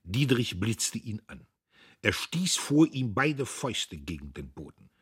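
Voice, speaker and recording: A man reading a novel aloud in a dramatic, expressive narration. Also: lowish voice, unhurried, slightly rough. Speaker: audiobook reader. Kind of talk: literary audiobook narration.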